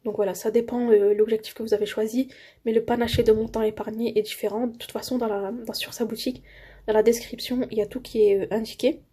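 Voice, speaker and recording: A woman's voice: fairly high pitch, flat delivery, fast, husky. A young woman vlogging her monthly budget, chatting enthusiastically with many fillers as she fills savings envelopes. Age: young adult. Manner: counts banknotes softly under her breath. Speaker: budgeting YouTuber. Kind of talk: casual vlog narration while filling savings envelopes.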